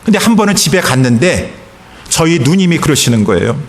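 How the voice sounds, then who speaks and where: A middle-aged male pastor delivers a sermon in church, his voice sitting a little high for a man. He preaches in an earnest, storytelling way, taking his time and pausing between phrases. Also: very animated.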